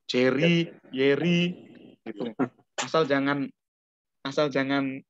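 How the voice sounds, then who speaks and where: A man's voice: medium pitch, fairly even intonation, slow pace, a little hiss or hum. A middle-aged man from Surabaya teaching a discipleship class, chatting through anecdotes and often checking that listeners understand. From Surabaya, Indonesia. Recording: dull lo-fi recording.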